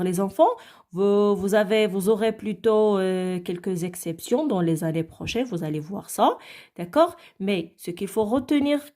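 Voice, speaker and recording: A woman teaching a grammar lesson to young children, slow and patient, repeating key words and checking in often. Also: mid-range voice, darkish tone. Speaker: primary school teacher.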